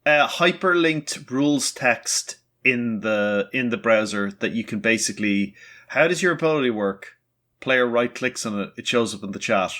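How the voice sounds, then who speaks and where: A man's voice: medium pitch, expressive, fairly bright tone. A man co-hosting a podcast in casual chat, speaking loosely with lots of "like". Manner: casual, quick asides, uses "like" often. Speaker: podcast co-host.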